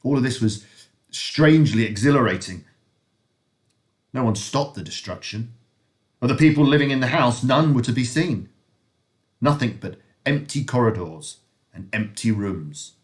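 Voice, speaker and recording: Male teacher, mid-pitched voice, expressive read-aloud of a novel for students. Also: moderate pace, pauses often. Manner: expressive, lively reading with occasional slips.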